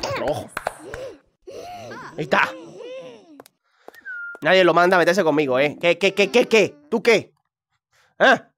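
A woman's voice: on the low side, lively intonation, measured pace, pauses often, fairly bright tone, a little hiss or hum. A woman hosting a let's play, commenting with playful mischief, often turning to her viewers. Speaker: gaming channel host.

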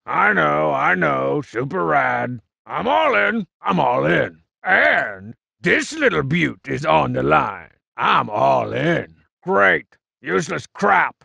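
A cocky, boastful video-game villain in a wrestler's mask, a juvenile troublemaker, brags and mocks in slangy tough-guy style with a heavily raspy, gravelly growl. The fairly high, forceful voice swoops sing-song up and down at a slow pace, played as broad, exaggerated comic acting. The audio is dull, with no room sound.

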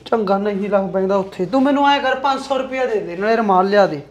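Man doing a hot-headed young guy, high voice, fast, pushy and demanding, swears. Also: a little hiss or hum, natural voice. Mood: grumbling. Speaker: son and temp worker.

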